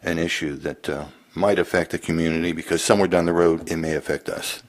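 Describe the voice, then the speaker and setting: A man on a town board making remarks at a meeting in halting, broken-up phrases. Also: low voice, level tone. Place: public meeting room.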